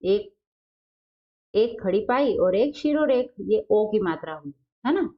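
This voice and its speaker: A woman teaching a grammar lesson to young children, asking questions and answering them herself and stretching out example words slowly. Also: mid-range voice, expressive, muffled recording.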